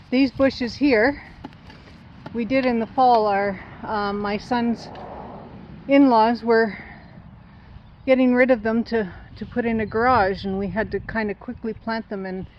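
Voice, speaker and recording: A middle-aged woman, explaining her tree planting in a halting way with many fillers. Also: fairly high pitch, steady tone, highs cut off, a little hiss or hum. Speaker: homesteader showing her garden. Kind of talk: casual explaining to camera. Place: outdoors by a driveway.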